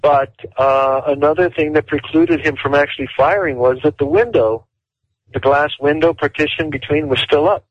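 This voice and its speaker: A male interview guest explaining in detail and at a deliberate pace, with frequent fillers. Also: fairly high pitch, dry recording. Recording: dull dry lo-fi audio.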